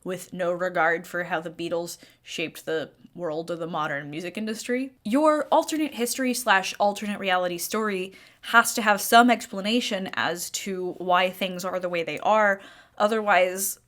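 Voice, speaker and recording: A woman's voice: lowish voice, moderate pace, fairly bright tone. A woman giving scripted, opinionated video-essay commentary as a critical game reviewer.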